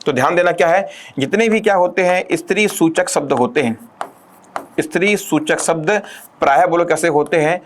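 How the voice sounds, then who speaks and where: A male teacher with a slightly high voice delivers an exam-prep classroom lecture, drilling students with constant rhetorical questions and slowing deliberately to dictate definitions. There's a little hiss or hum in the recording.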